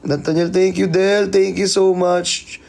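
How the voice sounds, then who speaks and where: A man's voice: sits high, flat delivery, measured pace, vocal fry, darkish tone, a little hiss or hum. A man hosting a casual live stream, playfully teasing and thanking viewers by name. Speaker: livestreamer.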